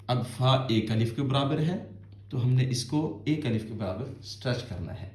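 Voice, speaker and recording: A man's voice: medium pitch, a little mellow, echoey room. A man teaching children Quran reading, patiently explaining and stretching out each letter sound in melodic recitation. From Azad Kashmir, Pakistan.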